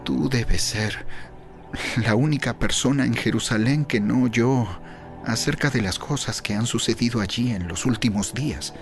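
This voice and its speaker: A male actor plays a sorrowful disciple in a Bible audio drama. His medium-pitched voice is earnest and measured, with faint music underneath. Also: natural voice. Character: sorrowful male disciple recounting dashed hopes.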